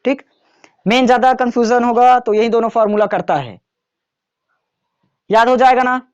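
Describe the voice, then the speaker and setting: A man's voice: extremely high pitch, normal speed, clear, resonant tone, highs cut off. A man teaching a maths lesson to students in a classroom, in a casual way, often checking whether they have understood.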